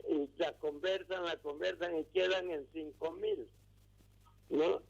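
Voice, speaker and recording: Casting: gravelly caller on a dull phone line, slow and halting. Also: male voice, a little high, fairly even intonation, darkish tone. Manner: pauses mid-phrase, restarts words. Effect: heard over a phone line. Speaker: radio call-in listener. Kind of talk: slow, halting storytelling to a legal expert. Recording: dull phone call on radio.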